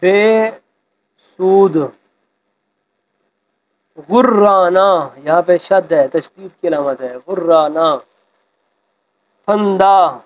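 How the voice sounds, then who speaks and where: A man teaching a school lesson, explaining a textbook exercise and reading example sentences slowly with expression. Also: sits high, a little mellow, low-quality recording.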